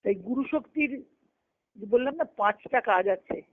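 This fairly high-pitched woman talks at a measured pace with lively intonation, no echo, on a thin-sounding telephone conference call. Acting as a spiritual teacher, she offers a devotional philosophical discourse in a didactic way, asking and answering her own questions and repeating phrases.

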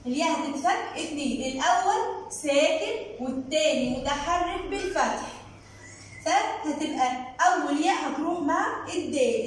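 A woman with an Egyptian Arabic accent teaching a children's lesson. She reads words in slow, drawn-out syllables and encourages her pupils by speaking to them directly. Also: high-pitched, heavy reverb, recorded from a distance. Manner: slow drawn-out word readings, sing-song syllables. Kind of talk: children's lesson, explaining workbook exercises.

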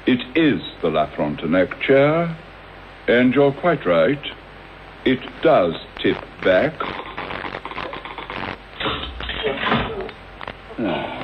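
An actor playing a bitter, vengeful middle-aged English doctor in a British radio drama, theatrical and sardonic, with deliberate articulate delivery. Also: male voice, mid-range voice. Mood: mocking, gloating. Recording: dull, noisy old radio broadcast copy.

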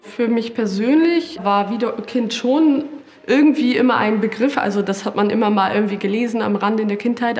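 A woman musing thoughtfully in an interview. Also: a little high. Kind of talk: interview statement. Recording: roomy with soft music.

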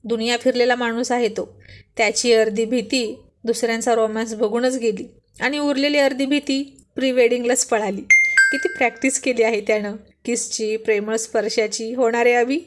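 A bossy young ringleader who teases and orders his friends about, as a woman narrator puts him on. His voice sits a little high and lively in the telling of the story. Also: normal speed, close to an everyday voice. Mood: teasing. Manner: bossy, teasing, scolding.

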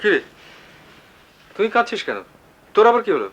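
An actor playing a blunt, teasing older brother in a 1980s TV drama, lecturing in a mocking way. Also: male voice, high-pitched, very animated, fairly quick, fairly bright tone, slightly rough, heavily acted, low-quality recording. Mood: scolding.

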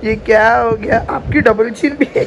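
A woman's voice: a little high, fairly even intonation, moderate pace, poor audio. A woman vlogging from home in a playful, giggly way. She teases and jokes with the camera. A faint hum of household noise sits behind her. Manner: teasing, giggly, talks to viewers. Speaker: vlogger, co-host. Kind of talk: casual home vlog chat. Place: home, indoors.

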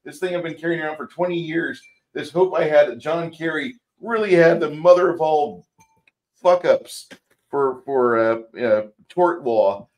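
Over a video call, a man co-hosts a casual movie review, spinning long, rambling stories with wry humor and plenty of hesitant fillers. His voice is fairly high and a little mellow, his pace measured. The recording is rough.

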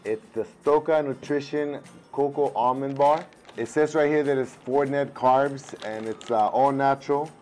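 A man in his thirties reviews a snack at a table at home, his voice husky as it recovers from being lost the day before; a lapel mic picks him up over faint background music. He speaks at normal speed in a steady, mid-range, slightly mellow tone. Relaxed, he thinks out loud with fillers and talks to his kids in Spanish during this casual taste-test vlog.

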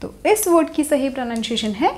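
A young woman runs a pronunciation lesson, mixing Hindi and English as she explains. Her voice sits high and moves a lot, rising and falling as she teaches. She repeats each target word slowly and clearly. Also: expressive, a little mellow, a little hiss or hum.

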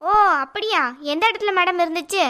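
A woman's voice: very high voice, fairly quick, sharp tone. A woman voicing a sly, meddling young sister-in-law in a cartoon, taunting sarcastically in a Tirunelveli Tamil accent. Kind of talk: cartoon voice acting.

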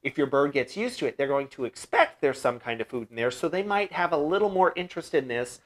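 A man's voice: fairly high pitch, sing-song, brisk, fairly bright tone. A young man hosting a casual DIY pet-care vlog from a small room at home, explaining things in a friendly way with lots of "uh" fillers, on a lapel mic. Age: young adult. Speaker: bird-keeping channel host. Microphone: lapel mic, seated facing camera.

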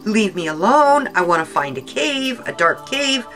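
A woman vlogger talking unhurriedly to her camera, telling a story with an animated, exasperated manner. Her pitch swings widely as she acts out the quotes. Soft music sits faintly underneath. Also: unhurried. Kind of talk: casual storytelling monologue.

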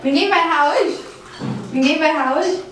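A woman's voice: high-pitched, moderate pace, noisy background. A young Brazilian woman with a slight tongue-tied lisp and slushy s sounds, chatting casually and playfully as in a game vlog. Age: young adult. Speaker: vlogger playing a lip-reading game. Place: small indoor room with bare wall, camera a few feet away. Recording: echoey room, distant mic, background music.

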